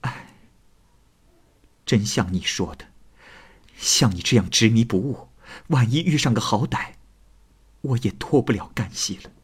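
Man doing a soft-spoken fox spirit woman. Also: fairly low pitch, expressive, a little slow, pauses often, husky, heavily acted. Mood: weary scolding. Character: jealous-seeming devoted fox spirit woman.

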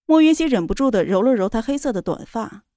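A woman's voice: fairly high pitch, lively intonation, fast talker, mellow, dry recording, clean studio sound. Woman narrating a novel.

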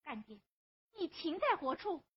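A woman's voice: extremely high pitch, sing-song, a little slow, heavily acted. A woman playing a young woman pleading for justice in Huangmei opera, earnest and tearful, on a dull lo-fi recording. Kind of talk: Huangmei opera stage acting.

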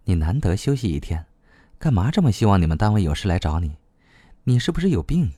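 A man's voice: sits low, big pitch swings, fast, mellow, slightly rough, no room sound, clean studio sound, exaggerated voice. A man doing a sly, teasing young woman. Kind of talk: audiobook reading.

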